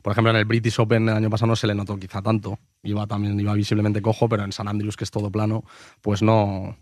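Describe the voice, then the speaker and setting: A man's voice: on the low side, monotone, dry recording. A young man from Spain with a Spanish accent, a golf analyst chatting on a sports show, eager and restarting his sentences. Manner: rapid, enthusiastic, restarts sentences. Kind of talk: casual sports chat.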